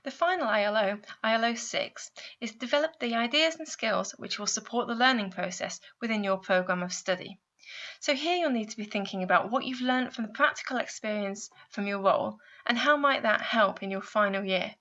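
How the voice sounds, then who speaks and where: A university placement adviser reads an instructional voice-over in a fairly high, sharp-toned voice at a fairly quick pace. She breaks things down step by step and asks the listener guiding questions, but the recording is muffled.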